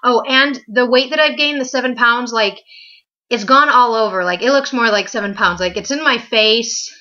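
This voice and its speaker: A woman's voice: a little high, moderate pace, bright, forceful tone, lo-fi sound. A pregnant young woman chatting to camera in a casual home vlog, upbeat, with plenty of fillers. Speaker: vlogger.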